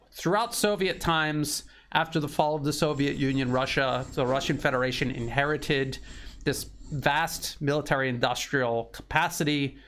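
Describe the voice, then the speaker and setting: A man delivering solo news commentary, reading out articles and stressing points in a measured, emphatic way, sometimes repeating words. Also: a little high, fairly bright tone. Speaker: political commentator.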